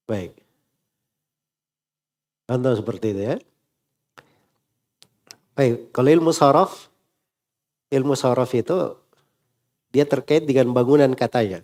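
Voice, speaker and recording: Mellow-voiced man teaching grammar. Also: medium pitch. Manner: questions the class and drills word endings. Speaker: Islamic teacher. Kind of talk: classroom Arabic grammar lesson.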